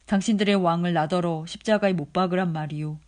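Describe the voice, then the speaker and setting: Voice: medium pitch, steady tone, close to an everyday voice. A reader doing a stern Roman governor. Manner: formal, measured reading.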